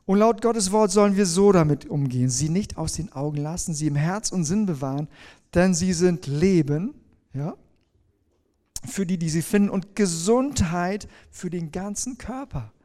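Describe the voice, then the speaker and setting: A man preaching a sermon in a conversational way, asking his listeners questions and slowing down on key phrases. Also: high-pitched, dark tone.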